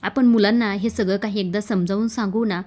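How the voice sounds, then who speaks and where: A woman voicing an earnest young woman in a retold TV serial, speaking gently and pleadingly. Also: medium pitch, steady tone, a little fast, close to an everyday voice. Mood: worried.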